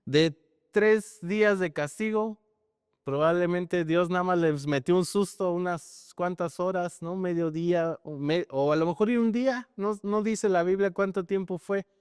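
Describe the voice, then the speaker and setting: A man's voice: sits high, a little slow, clean tone, dry recording, studio quality, big-room sound. A man preaching a sermon in a conversational, storytelling way, often tagging his sentences with questions. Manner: conversational, frequent tag questions, animated storytelling.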